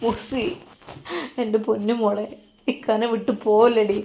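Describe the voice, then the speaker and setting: A woman voicing a desperate young husband of twenty-three in a told story, pleading softly and sobbing. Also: on the high side, little pitch movement, a little slow, creaky, slight background noise. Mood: pleading, grieving. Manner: pleading, sobbing, soft-spoken. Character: young man, 23, desperate lover.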